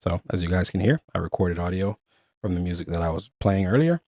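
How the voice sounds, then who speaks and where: A man's voice: low-pitched, animated, a little fast, mellow, no room sound, studio quality, faint music behind. A man hosting a casual product review, chatty and explaining features step by step. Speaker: gear reviewer and host.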